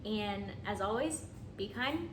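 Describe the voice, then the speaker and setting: A woman's voice: mid-range voice, animated, slow. A woman giving a casual cooking vlog walkthrough from her home kitchen in a friendly, chatty way. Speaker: home cook. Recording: echoey room, voice from a distance, noisy.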